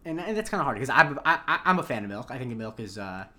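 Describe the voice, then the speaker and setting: A man's voice: mid-range voice, very animated, fast talker, sharp tone. A man co-hosting a podcast, recapping an episode in rambling casual chat. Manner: rambling, many fillers and restarts. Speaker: podcast co-host.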